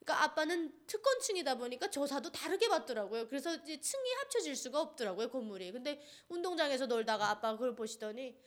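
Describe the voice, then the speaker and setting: A woman from North Korea speaks in a high voice. She gives an earnest personal testimony and tells it vividly, with many fillers along the way. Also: sing-song, quick pace, hardly any pauses.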